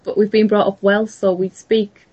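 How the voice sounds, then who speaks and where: A woman's voice: medium pitch, little pitch movement, moderate pace, darkish tone, slightly rough, highs cut off. A woman with a mild north-east English Teesside accent, chatting casually as a guest. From north-east England. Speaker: gaming video creator, interview guest. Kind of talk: casual chat.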